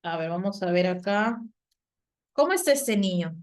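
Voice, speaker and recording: A woman's voice: mid-range voice, lively intonation, moderate pace. Peruvian woman teaching an online class. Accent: Peruvian Spanish. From Peru. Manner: asks the class questions, many fillers and tag questions. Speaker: psychologist and teacher. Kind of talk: virtual class lecture. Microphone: video call.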